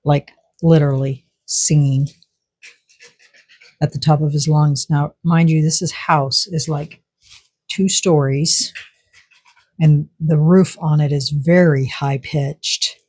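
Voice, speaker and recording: A woman's voice: deep voice, steady tone, slow pace, long pauses, dark tone, slightly rough, no room sound. A woman vlogger narrating casually as she works on a resin craft project, chatty and repeating words for emphasis.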